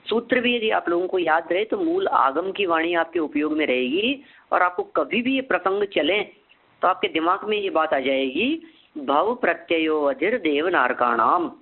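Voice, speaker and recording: A man teaching a scripture lesson, asking and answering his own questions and repeating key terms slowly so they can be memorized. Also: a little high. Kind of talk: scripture lecture. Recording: phone-like narrow sound.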